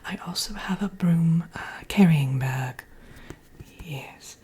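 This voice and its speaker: A woman voicing a vain, sassy witch in a breathy, unhurried ASMR whisper, coy and condescendingly friendly. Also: sits low, exaggerated voice. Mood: chatty, confiding. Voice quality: breathy, soft-spoken whisper. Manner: unhurried, coy, self-admiring, calls listener dearie.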